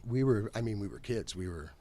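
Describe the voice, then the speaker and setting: A man's voice: fairly low pitch, lively intonation, fairly quick, mellow. A middle-aged man telling a rambling backstage story as a podcast guest, slangy and laughing often. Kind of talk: casual storytelling chat.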